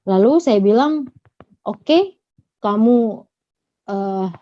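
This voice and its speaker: A woman from Gorontalo giving a personal testimony, retelling her story in a halting, earnest way. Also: on the high side, expressive, dark tone, no echo. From Gorontalo, Indonesia. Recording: dull lo-fi recording.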